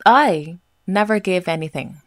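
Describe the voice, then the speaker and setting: A woman's voice: on the low side, animated, a little slow, no echo. A woman co-hosting a podcast, telling a story in a dry, mock-formal, gloomy-humored way. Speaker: podcast co-host. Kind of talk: casual chat, storytelling.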